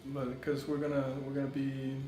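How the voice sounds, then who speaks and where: A man's voice: medium pitch, monotone, moderate pace, dark tone, reverberant, soft background music. A man from Oklahoma, co-hosting a casual couple's vlog, chiming in supportively and finishing his wife's points. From Oklahoma, USA. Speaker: vlogger, co-host of a couple's channel. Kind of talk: casual chat.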